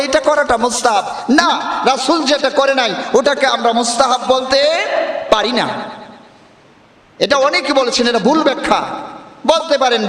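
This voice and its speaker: High-voiced preacher in an echoing hall. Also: male voice. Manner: asks the listeners many rhetorical questions; forceful and emphatic, sometimes raises his voice. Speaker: Islamic preacher. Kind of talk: religious sermon. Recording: echoey, with long reverb.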